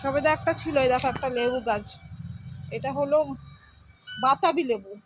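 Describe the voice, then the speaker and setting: Speaking at normal speed in a high voice, a vlogger tours her home rooftop garden outdoors on a casual phone video. She often invites viewers to look around and respond to her questions. Recorded on a handheld phone, the clip has clear background noise.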